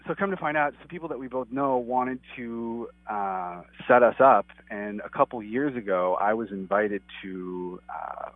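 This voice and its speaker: A man's voice: medium pitch, a little slow, hardly any pauses, dry recording. Man on a clipped, tinny phone line. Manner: earnest, rambling, many restarts and fillers. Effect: clipped phone line that cuts out. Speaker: interview guest calling in. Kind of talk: casual phone interview. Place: outside his office.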